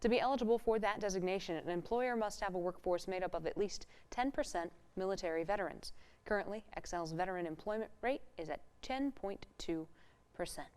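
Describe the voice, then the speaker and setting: A woman anchor reading scripted local news in a measured, formal way. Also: medium pitch, darkish tone, clean tone.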